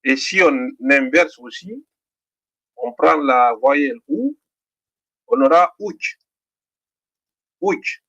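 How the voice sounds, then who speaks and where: A middle-aged man with a Guinean French accent teaching a literacy lesson, slowly sounding out syllables and often checking in with the class. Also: on the high side, lively intonation, gravelly, a bit bright, muffled recording. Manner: slow, deliberate, repeats each sound; checks in with "d'accord?".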